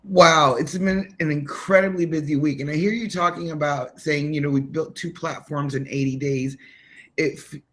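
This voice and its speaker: A man with a somewhat higher voice talks on a livestream chat, enthusiastic and quick to laugh. He sounds casual and relaxed. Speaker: marketing lead.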